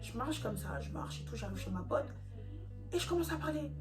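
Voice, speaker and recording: A young woman from France telling a dramatic storytime in a casual vlog, in lively, slangy street talk. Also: sits high, brisk. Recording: music playing underneath.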